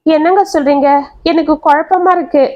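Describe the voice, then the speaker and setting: A woman's voice: high voice, steady tone, normal speed, highs cut off, pitched above the performer's own voice, natural voice. A woman voicing a hurt young wife who pleads with her husband through sobs. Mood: hurt, pleading.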